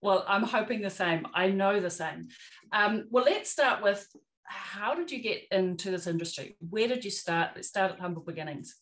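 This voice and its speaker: Hosting a business podcast, this woman from New Zealand reads a cheery, promotional introduction and then talks with her guest. The recording is rough, and her medium-pitched, somewhat bright voice keeps a moderate pace.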